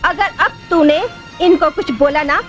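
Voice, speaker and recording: A woman's voice: sits high, a little slow, fairly bright tone, dull audio, soft background music. An actress playing a devoted young woman who pleads tearfully and defiantly in film dialogue.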